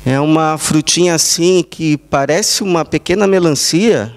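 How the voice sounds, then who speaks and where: A man with a Brazilian accent preaching a sermon as pastor, telling small stories in short, measured phrases. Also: fairly high pitch, clear, resonant tone. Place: church service.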